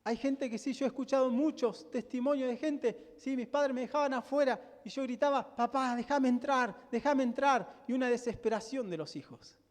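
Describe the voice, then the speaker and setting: A man's voice: very high voice, brisk, few pauses, a little mellow. A male pastor with a Rioplatense Spanish accent preaching a sermon, emphatic and full of rhetorical questions to the congregation. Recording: long hall reverb.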